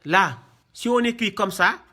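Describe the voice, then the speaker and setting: A man's voice: high voice, animated, unhurried, pushed and bright. A man teaching how to read Arabic script, repeating each point and checking with "hein" and "voyez bien". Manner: repetitive, drills terms, asks "voyez bien" and "hein". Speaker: Quran reading teacher. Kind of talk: classroom lesson.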